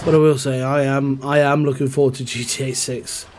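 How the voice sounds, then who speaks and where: A man's voice: medium pitch, little pitch movement, fairly quick, background noise. Chatty man streaming games. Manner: rambling, chatty, answers chat. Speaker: gaming streamer. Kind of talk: casual live stream chat.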